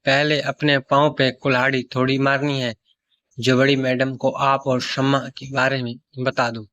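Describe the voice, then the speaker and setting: A man voicing a cautious young man in a story, speaking softly and slowly. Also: medium pitch, level tone, dry recording, muffled recording, lightly acted. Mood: reassuring.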